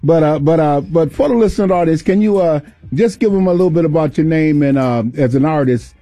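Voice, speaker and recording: A male radio host interviewing a guest on air, talking slowly and repeating himself. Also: on the high side, warm tone, dry recording, faint music behind. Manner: slow, drawn-out, repeats himself.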